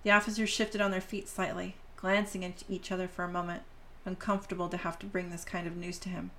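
A woman's voice: fairly low pitch, little pitch movement, fast, a bit bright, slight background noise. A woman hosting a podcast, reading a story aloud and talking directly to her listeners. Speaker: podcast host.

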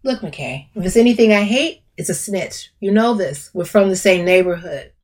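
Woman doing a smooth, brash male lawyer. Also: medium pitch, lively intonation, normal speed, lightly acted. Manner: smooth, blunt, profane.

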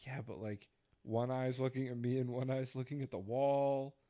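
A man's voice: medium pitch, flat delivery, moderate pace, mellow, dry recording. A young man co-hosting a podcast, telling a crude bar story in casual chat and laughing often. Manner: crude, joking, laughs a lot. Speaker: podcast co-host. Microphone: studio podcast mic.

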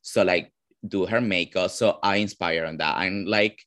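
A man from Venezuela with a Venezuelan Spanish accent, a drag performer answering interview questions casually, often pausing to search for words. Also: sits low, a bit bright. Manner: searching for words, frequent "like" fillers.

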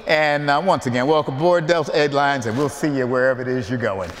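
A man's voice: mid-range voice, quick pace, a little hiss or hum, pitched below the performer's own voice, close to an everyday voice. A man imitating a laid-back male airline pilot making a cabin announcement. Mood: cool. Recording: long cathedral reverb.

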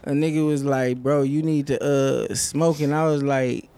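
A man chatting casually and telling animated, rambling stories full of slang and repeated words, as an artist being interviewed. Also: medium pitch, normal speed, creaky, clear, resonant tone.

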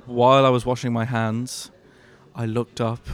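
Brief: male co-host, mid pitch, dry hesitant anecdote style. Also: level tone, a little slow. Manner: wry, hesitant storytelling with filler words. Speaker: podcast co-host. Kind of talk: casual chat.

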